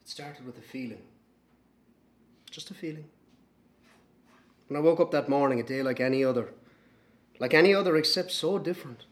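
An actor playing a haunted man, reflecting in a hushed, halting dramatic monologue. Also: fairly high pitch, close to an everyday voice.

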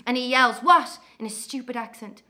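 A woman's voice: on the high side, moderate pace, pushed and bright. An actress playing an angry young Irish woman, telling of walking home at night in a dramatic monologue.

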